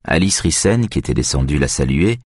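Deep husky guy reading an audiobook, dry close sound. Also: no echo. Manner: even, measured reading. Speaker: narrator. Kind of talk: audiobook narration.

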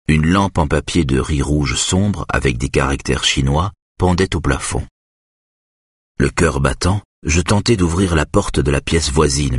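A man narrating a tense first-person story in a measured way. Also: very deep voice, breathy edge, no room sound, studio quality.

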